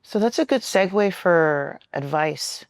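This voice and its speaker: Slow gravelly woman moderator. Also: on the low side, expressive, dry recording, studio quality. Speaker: roundtable moderator. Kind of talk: moderated panel discussion.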